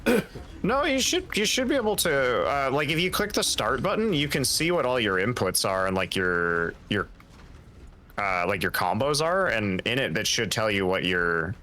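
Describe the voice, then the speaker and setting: Bright, animated man chatting while gaming. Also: medium pitch, moderate pace. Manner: excitable, repeats phrases. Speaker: video game streamer. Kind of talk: casual gameplay chat.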